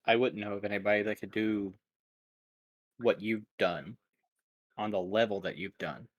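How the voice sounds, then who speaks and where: A man playing a grieving young dragon rider who speaks quietly and haltingly. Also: fairly low pitch, steady tone, lightly acted. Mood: somber.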